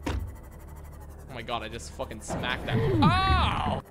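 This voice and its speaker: A young man streaming a game, excitable and constantly swearing and exclaiming. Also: medium pitch, slow pace, over loud music. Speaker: gaming streamer. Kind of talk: casual game commentary.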